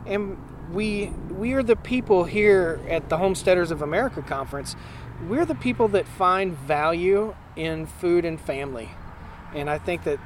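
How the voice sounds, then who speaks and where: A man's voice: high-pitched, moderate pace, a little hiss or hum. A man in his forties, a homesteading farmer, talking emphatically in a casual interview at an outdoor conference. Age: 40s. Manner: plainspoken, emphatic, with frequent restarts.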